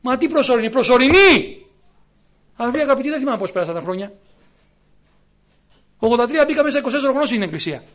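A man's voice: extremely high pitch, animated, pauses often, a bit bright. A man in his fifties preaching a sermon, emphatic and full of rhetorical questions to the congregation. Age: 50s.

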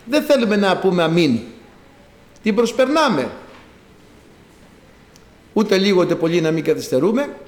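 A man preaching a sermon in a lively, emphatic way, acting out the voices he quotes. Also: high voice, pauses often, reverberant. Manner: animated preaching, acts out quoted voices, rising to emphatic peaks. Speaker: priest.

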